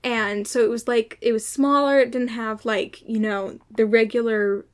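A young woman with a somewhat high voice co-hosts a podcast and tells a personal story in loose, animated chat. She swears casually and talks as if to a friend. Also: moderate pace. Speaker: podcast co-host.

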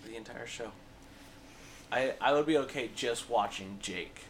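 A man's voice: medium pitch, unhurried, slight background noise. A young man hosting a casual podcast chat, teasing his guests and arguing his points. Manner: teasing, argumentative. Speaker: podcast host.

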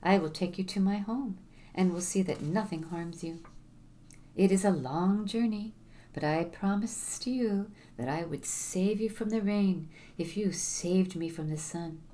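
A woman voicing a kind male snake who speaks in a slow, hushed whisper. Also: medium pitch, slight background noise, natural voice. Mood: calm, reassuring.

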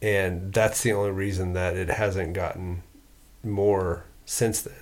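An easygoing man co-hosting a casual podcast. His voice sits low, and he talks in a relaxed way, working out his thoughts as he goes. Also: slow. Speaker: podcast co-host. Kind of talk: casual chat.

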